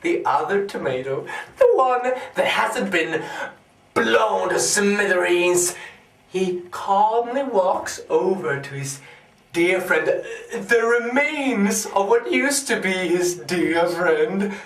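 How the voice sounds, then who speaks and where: The Joker, wildly swooping manic villain. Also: male voice, high voice, animated, slow, echoey room, far from the mic, full character voice. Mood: sinister storytelling. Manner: theatrical, mocking, erratic swings between whispering and shouting. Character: deranged, gleeful, sadistic male supervillain clown in an asylum. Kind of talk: theatrical dramatic monologue.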